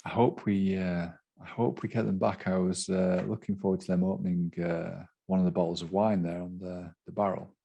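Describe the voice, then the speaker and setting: Deep-voiced male host over a video call. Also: flat delivery, moderate pace, gravelly, hardly any pauses, dark tone, breathy edge, muffled recording. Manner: loose, filler-heavy talk. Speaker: online event host. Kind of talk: casual live-stream hosting.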